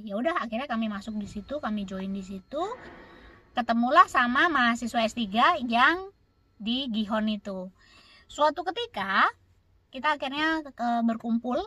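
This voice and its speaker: A woman's voice: a little high, sharp tone, no room sound. A woman from Indonesia chatting casually to her viewers, answering their questions in a rambling, repetitive way. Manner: chatty, repeats words and fills with "gitu". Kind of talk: casual Q&A storytelling.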